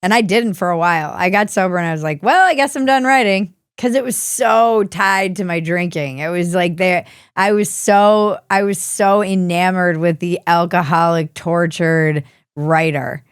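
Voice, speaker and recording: A woman with a lowish, smooth, resonant voice hosts a casual podcast chat. She tells candid stories briskly. The close mic sounds dry, with no room around her. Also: dry recording. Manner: candid, quick storytelling. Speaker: podcast host. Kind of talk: casual conversation.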